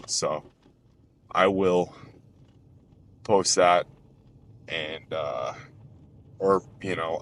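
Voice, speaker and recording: A man's voice: sits low, a little hiss or hum. A man chatting loosely in a casual vlog while driving, rambling with lots of fillers. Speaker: vlogger. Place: in a car, driving.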